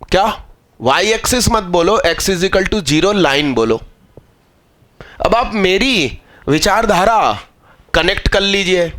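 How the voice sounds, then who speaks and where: A man's voice: high voice, fairly bright tone. A male math teacher giving a live exam-prep lecture, explaining step by step and scolding students into understanding.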